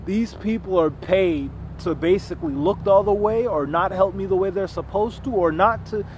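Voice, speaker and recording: Man, higher voice, earnest rambling personal account with many restarts; faint street noise behind. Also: normal speed. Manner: earnest, rambling, frequent restarts and repeated words. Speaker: vlogger telling his own story. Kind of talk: unscripted personal monologue.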